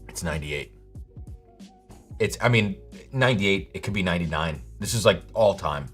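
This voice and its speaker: A man's voice: deep voice, lively intonation, normal speed, a bit bright, soft background music. A man hosting a live whiskey tasting stream, exclaiming, swearing freely and thinking aloud as he tastes.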